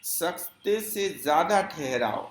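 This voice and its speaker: A male teacher giving an exam-prep grammar lesson, explaining step by step, asking questions and answering them himself, and repeating key phrases slowly. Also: a little high, animated, echoey room, a little hiss or hum.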